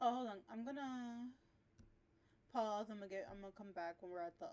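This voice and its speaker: A woman's voice: mid-range voice, brisk, darkish tone. Slangy woman gamer voicing playthrough. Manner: playful slangy banter, reads game lines aloud. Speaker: gaming video creator. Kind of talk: let's play commentary with read-aloud dialogue.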